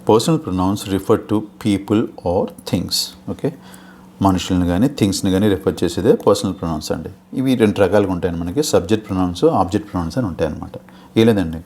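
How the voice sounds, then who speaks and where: A little mellow and low-pitched, the voice belongs to a man with a Telugu accent giving an exam-prep lecture in Telugu with English terms. He patiently explains English grammar for a teacher exam, often checking in with "okay?", over a little hiss or hum.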